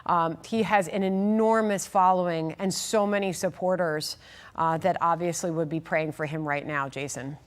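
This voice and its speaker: A woman's voice: lowish voice, steady tone, normal speed. A woman anchoring live breaking news, hesitant while relaying details.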